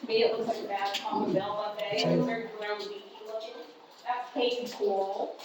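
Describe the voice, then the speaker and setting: A woman's voice: medium pitch, level tone, normal speed. A woman guiding a cave tour in a casual, plain-spoken and slightly wry way. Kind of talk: informal guided tour talk. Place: inside a cavern. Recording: echoey cave, distant mic, faint noise.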